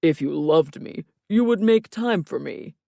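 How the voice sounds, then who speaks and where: A sulky, dramatic young man who draws out every complaint in a low, gravelly voice, as a woman acts him out for an audiobook. He sounds close and dry, with no room around him. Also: animated, warm tone, no room sound, muffled recording, heavily acted. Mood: whiny.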